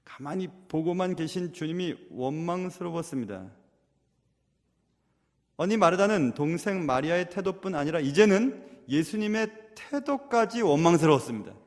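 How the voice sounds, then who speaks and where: A man's voice: on the high side, expressive, moderate pace. A male pastor delivering an earnest sermon to his congregation, posing rhetorical questions to them. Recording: echoey hall reverb.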